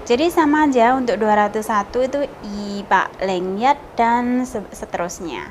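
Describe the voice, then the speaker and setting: A woman giving a casual spoken lesson, slowly repeating example words in a lifted voice. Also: on the high side, slight background noise, poor audio. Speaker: language teacher.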